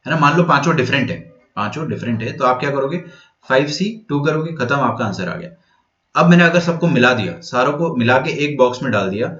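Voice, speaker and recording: A young man gives an exam-prep maths lecture, keeping it moving by asking questions and then answering them himself. He slips English phrases into his Hindi, and his voice sits in a middle register. The recording is roomy and somewhat dull, with a lo-fi edge. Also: medium pitch. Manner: lively, asks and answers his own questions. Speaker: maths teacher. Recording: echoey room, dull lo-fi sound.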